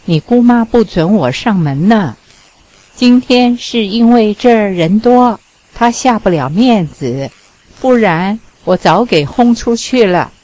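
A woman's voice: medium pitch, lively intonation, takes it slowly, dark tone, low-quality recording. Woman reading as a teasing young charmer. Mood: coaxing. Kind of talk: audiobook reading.

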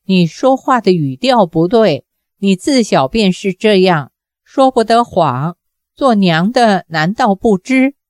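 A woman's voice: mid-range voice, animated, slow pace, darkish tone, dry recording, studio quality. A woman voicing a fierce, embittered older mother who talks sternly and commands.

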